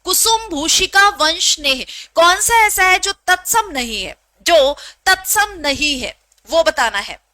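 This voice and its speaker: A Hindi teacher with a very high, bright voice leads a live online exam-prep class, animated, brisk and teasingly scolding as she repeats each question. The recording is close and dry, with no sense of a room around her.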